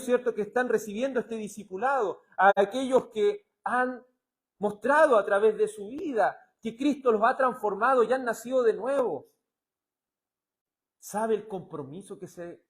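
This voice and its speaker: A man preaching a sermon, asking his listeners questions and swinging from loud declarations to hushed passages. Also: sits high. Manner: asks the congregation rhetorical questions. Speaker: pastor.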